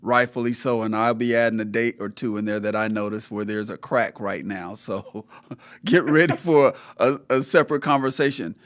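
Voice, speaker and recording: A man hosting an interview podcast, speaking in a measured way with frequent fillers. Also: on the low side, fairly even intonation. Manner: measured, reads through a list with many fillers. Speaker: podcast host. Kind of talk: casual interview.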